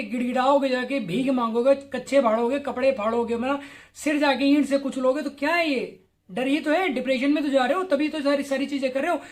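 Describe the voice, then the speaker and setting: Woman, high voice, motivational speaker on breakups; blunt and crude, scolds and mocks, rhetorical questions. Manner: mocking and scolding the listener. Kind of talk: motivational monologue.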